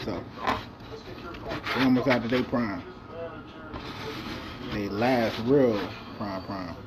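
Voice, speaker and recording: A man's voice: on the low side, slow pace, heavy background noise. A man talking through a basketball video game franchise in loose, profane, rambling chat. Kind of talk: casual gameplay commentary.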